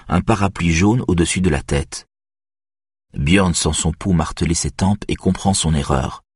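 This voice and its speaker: A man reading a thriller audiobook in a measured, steady way. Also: low-pitched, husky, no echo, clean studio sound. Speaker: audiobook narrator. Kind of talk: scripted narration of a thriller.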